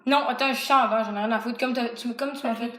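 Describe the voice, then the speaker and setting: A woman's voice: a little high, steady tone, fast talker. A woman with a Québécois accent, bossing and teasing a friend through a filmed food challenge, swearing freely. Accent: Québécois French. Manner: bossy, teasing, swears a lot. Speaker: vlogger filming a food challenge. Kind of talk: rowdy casual banter. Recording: echoey room with loud noise.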